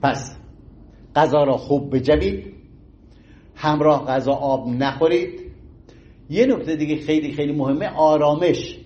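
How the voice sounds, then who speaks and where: A middle-aged man giving an informal health talk in an animated, folksy way, acting out little everyday scenes. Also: fairly high pitch, pauses often, highs cut off. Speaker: health lecturer.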